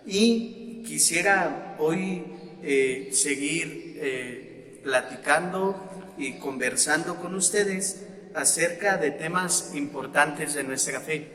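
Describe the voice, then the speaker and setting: Mexican priest, man, bright tone, unhurried teaching sermon in a reverberant church. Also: on the high side, faint music behind. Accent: Mexican Spanish. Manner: slow and deliberate, with frequent fillers and repeated words. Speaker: parish priest. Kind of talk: sermon-style teaching talk.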